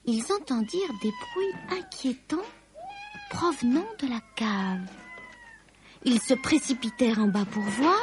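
A woman reading a children's story aloud in a slow, expressive, lilting way. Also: mid-range voice.

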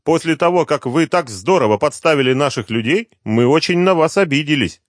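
A man's voice: a little high, lively intonation, brisk, dry recording, studio quality, voice pushed up, lightly acted. A man voicing a menacing male gang boss who speaks in a mock-polite, sneering way in an audiobook.

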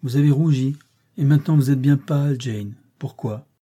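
A man's voice: medium pitch, moderate pace, mellow, breathy edge, close to an everyday voice. A man reading aloud and voicing an ardent, commanding middle-aged master in a classic novel. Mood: insistent.

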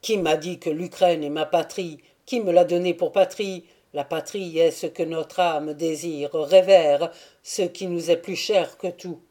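A woman voicing a young male Cossack knight who speaks with vehement, loud passion, in an audiobook reading. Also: lowish voice, steady tone, a little slow. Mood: passionate. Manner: vehement, rising to loud declarations.

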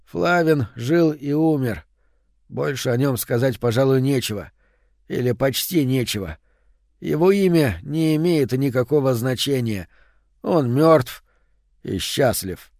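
A man voicing a hoarse half-mad recluse. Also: medium pitch, animated, unhurried, a little mellow, dry recording, clean studio sound. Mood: weary.

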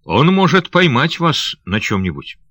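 A man's voice: medium pitch, sing-song, measured pace, fairly bright tone, no echo, voice pushed up. A man voicing a young noble lady who is anxious and loving, speaking in breathless, pleading questions. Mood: earnest.

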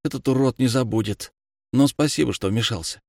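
A man's voice: mid-range voice, a little fast, dry recording, studio quality, close to an everyday voice. A man voicing a timid, nervous teenage boy who talks hesitantly. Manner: stammering, hesitant.

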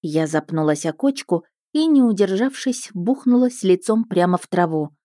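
A woman narrating an audiobook in the first person, expressive and wry. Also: lowish voice, normal speed, dry recording, studio quality.

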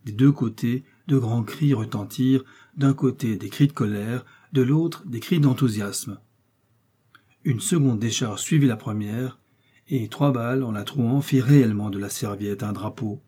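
Man, audiobook narration, steady, even, husky, mellow. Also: mid-range voice, unhurried.

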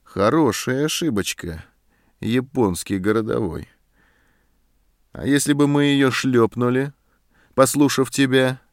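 A man voicing a short-tempered male army sergeant who talks in a harsh, scornful way, louder and higher than his narration. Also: a little slow, pauses often, no echo, studio quality, lightly acted. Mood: suspicious.

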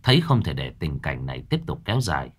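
A man's voice: extremely low pitch, sing-song, fast talker, slightly rough. A man narrating a horror story in a dramatic storytelling manner.

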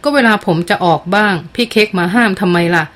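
A woman's voice: mid-range voice, animated, quick pace, fairly bright tone, lightly acted. A woman voicing a sulky, resentful young man who answers back in a defensive, indignant way.

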